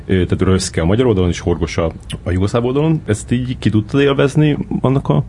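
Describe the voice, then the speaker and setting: A man's voice: medium pitch, vocal fry, warm tone, a little hiss or hum. A male interviewer asking questions hesitantly, with many fillers.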